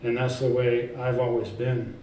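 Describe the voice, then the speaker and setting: In a laid-back in-person interview, an author with a mellow, medium-pitched voice speaks unhurriedly and flatly, rambling self-assuredly and emphatically through fillers and restarts. Slight background noise and faint ambience accompany an echoey room, with the speaker far from the mic.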